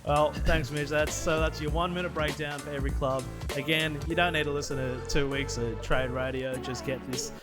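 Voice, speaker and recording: A man's voice: on the high side, steady tone, moderate pace, few pauses, loud music behind the voice. Chatty man hosting a footy show. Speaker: co-host. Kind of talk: casual sports chat.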